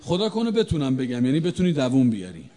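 A man preaching a sermon to a live congregation, swinging between loud chanted lines and hushed, pleading talk. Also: mid-range voice, wildly swooping pitch. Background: crowd of mourners.

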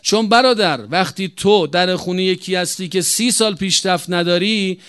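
A man's voice: sits high, fairly bright tone, clear, resonant tone. A man delivering a religious sermon, speaking emphatically and addressing listeners as brothers and sisters. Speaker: preacher.

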